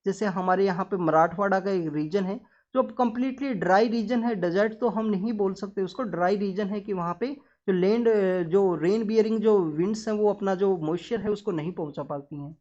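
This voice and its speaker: A woman's voice: medium pitch, normal speed, darkish tone. A woman teacher giving a newspaper analysis lesson, talking straight to her students and explaining step by step with English terms mixed in. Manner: lecturing, often addresses students directly. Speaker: exam-prep teacher. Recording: slightly dull, muffled recording.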